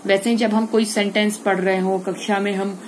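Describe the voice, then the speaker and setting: A woman's voice: mid-range voice, little pitch movement, normal speed, a little mellow, a little hiss or hum. A woman teaching a school grammar lesson online, explaining step by step and asking and answering her own questions.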